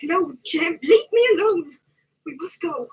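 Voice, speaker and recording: An actress playing a spirited, stubborn barmaid in a period drama, sharp-tongued and unyielding. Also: female voice, extremely high pitch, animated, measured pace. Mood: uneasy, firm.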